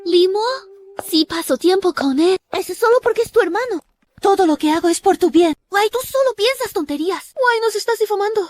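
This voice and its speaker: A woman's voice: very high voice, expressive, fairly quick, a little mellow, soft background music. A woman voicing a greedy, scornful young girlfriend in an anime, with a whiny, demanding manner. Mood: defensive.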